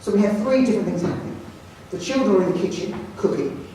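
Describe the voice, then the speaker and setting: London headteacher telling funny stories on stage, far off mic, big echoey hall. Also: male voice, sits high, fast, slight background noise. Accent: London English. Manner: jokey storyteller, animated, self-mocking. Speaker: headteacher giving a talk. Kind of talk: anecdotal presentation to an audience. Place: large hall with audience.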